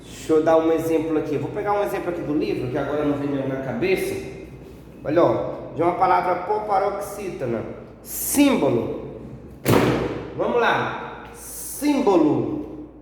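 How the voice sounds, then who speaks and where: A man's voice: a little high, animated, far from the mic, slight background noise. Brazilian male teacher in an echoey room. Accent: Brazilian Portuguese. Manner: slow, drawn-out syllables for examples; asks and answers a pupil's question himself. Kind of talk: recorded grammar review lesson.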